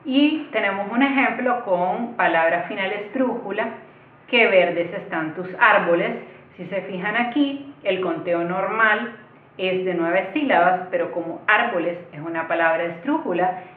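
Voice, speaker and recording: A woman's voice: mid-range voice, normal speed. A woman teaches an online lesson in a patient, explanatory way and speaks directly to her viewers. Her voice comes through thin and tinny, like over a phone line. Behind it is the echo of a bare room.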